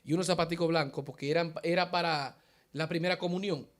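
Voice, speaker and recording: A man's voice: fairly high pitch, fairly even intonation, fast talker. A man giving a personal faith testimony in an interview, telling his story vividly and acting out the dialogue he quotes.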